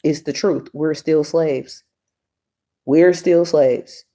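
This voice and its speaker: A woman speaking straight to camera in a frank, unvarnished monologue. Her voice sits a little low and has a mellow, soft-edged tone. She hammers her points home by saying them again and again. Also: fairly even intonation, slow. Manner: blunt, emphatic, repeats her points. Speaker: vlogger. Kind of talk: casual opinion monologue to camera.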